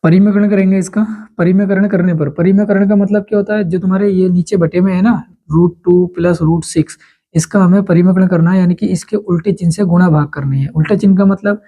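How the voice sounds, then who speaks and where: A man's voice: high voice, fairly even intonation, fairly quick, warm tone, dull audio. A man teaching a school maths lesson step by step, patiently repeating the key steps.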